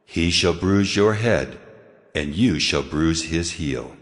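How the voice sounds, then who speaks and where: A man's voice: low voice, animated, takes it slowly. A man playing a stern, majestic God, speaking in a solemn, commanding manner in a dramatized scripture reading. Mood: solemn condemning. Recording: long cavernous reverb.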